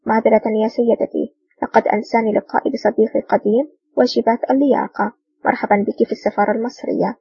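Woman reading an older ambassador: formal, friendly, husky, set back from a dull mic. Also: on the high side, steady tone, quick pace, mellow, dry recording, full character voice. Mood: cordial. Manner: courteous, formal. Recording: dull distant dry recording.

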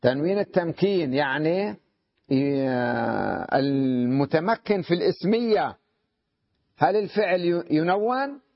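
A man with a fairly high voice teaches a grammar lesson, stopping again and again to ask his students whether they follow. He slows right down to read out quoted lines. The recording is dull and lo-fi. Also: animated, dry recording. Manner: checks understanding with frequent questions to students. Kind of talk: classroom lesson.

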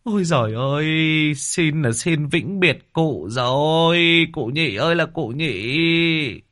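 A man's voice: a little high, animated, slow pace, fairly bright tone, voice pushed up. A man voicing a tipsy, boastful old drinking buddy, talking in a slurred, whining way in a told story. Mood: mock-mourning.

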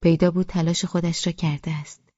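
A woman's voice: lowish voice, little pitch movement, dark tone, no echo, dull audio. A woman narrating a first-person audiobook with a wry, self-deprecating storytelling manner.

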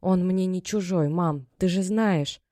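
A woman's voice: fairly low pitch, a little slow, mellow, no echo, clean studio sound, close to an everyday voice. A woman voicing a stubborn young daughter in love, defiant toward her mother. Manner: defiant, pleading.

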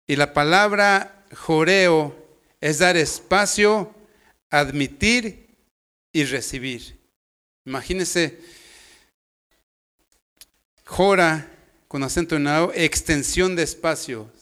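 Preacher guy, slow and easygoing, jokes around, smooth clear voice. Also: a little high, pushed and bright. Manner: homely, joking, storytelling. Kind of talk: informal sermon.

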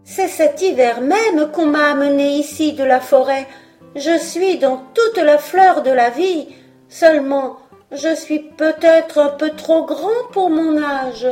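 A woman's voice: high voice, slow pace, darkish tone, soft background music, voice pushed up. A woman voicing a proud young fir tree who muses wistfully about his past. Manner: wistful, self-assured musing.

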